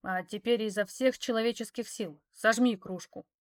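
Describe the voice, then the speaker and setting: A woman's voice: fairly high pitch, moderate pace, close to an everyday voice. A woman reading the part of a weary, protective husband who speaks curtly and firmly. Short, unbending lines in an audiobook story.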